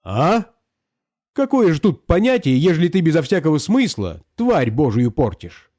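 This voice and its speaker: A pompous provincial landowner scolds and moralizes at length, indignant and self-righteous, as a man puts him on. The voice swings up and down with a mellow tone and a dry sound. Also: fairly high pitch, big pitch swings, normal speed, no room sound. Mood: scolding.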